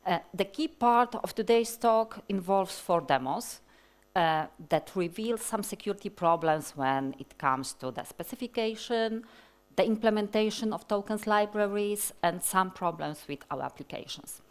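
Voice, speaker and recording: A Polish-accented woman in her forties gives a technical conference talk from the stage of a large hall. Her mid-range voice is animated and clean in tone, and she speaks slowly and deliberately, with many fillers and restarts.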